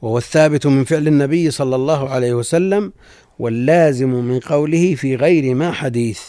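A man teaching as a sheikh, reading out a classical text and explaining it in a measured way, often repeating lines for emphasis. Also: medium pitch, mellow, no room sound, clean studio sound.

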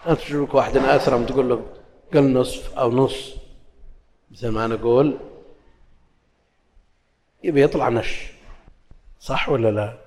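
Man, religious lesson, explanatory, mid-pitched, long hall reverb. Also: a little mellow. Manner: explanatory, shifts between classical recitation and colloquial dialect. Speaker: Islamic scholar teaching hadith.

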